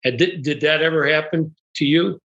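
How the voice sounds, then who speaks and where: A man hosting a casual interview, gently asking follow-up questions. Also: a little high, normal speed, dull audio. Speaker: interview host.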